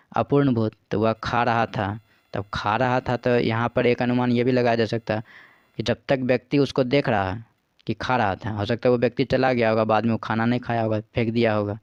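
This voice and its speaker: A man's voice: mid-range voice, clear, resonant tone, no echo, lo-fi sound. A man patiently explaining practice exam questions as a teacher. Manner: patient, repeats "ठीक है" and "देखिए".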